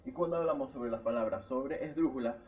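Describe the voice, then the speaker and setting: A man's voice: mid-range voice, a little fast. A young man giving a class presentation, explaining step by step in a repetitive pattern. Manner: explains step by step, repeats "cuando hablamos de". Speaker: student presenter. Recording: tinny phone-like sound.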